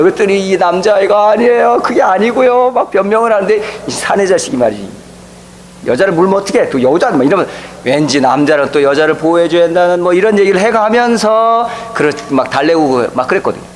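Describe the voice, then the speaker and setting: A middle-aged man preaches a sermon from the pulpit, his voice sitting fairly high for a man. He tells stories in a lively way and briefly acts out the people he quotes. A faint hum runs under the recording. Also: rough recording. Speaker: pastor. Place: church sanctuary.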